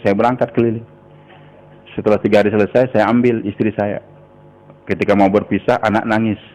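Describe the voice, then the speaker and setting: A man's voice: mid-range voice, a little mellow, low-quality recording. An older man giving a religious talk as a boarding school head, telling folksy stories and often prodding his listeners with a questioning "hmm?".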